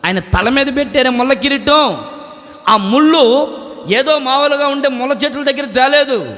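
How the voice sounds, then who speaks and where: A man pastor preaching an Easter sermon with passion, asking rhetorical questions and shouting at his climaxes. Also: very high voice, moderate pace. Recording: long church-hall reverb.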